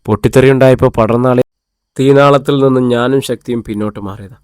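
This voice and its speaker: A man's voice: mid-range voice, fairly even intonation, fairly quick, a little mellow, clean tone, dry recording, clean studio sound, lightly acted. A man reading the lines of a sheepish young man who shrugs off his injuries, in an offhand way. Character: young man, scorched but brushing it off.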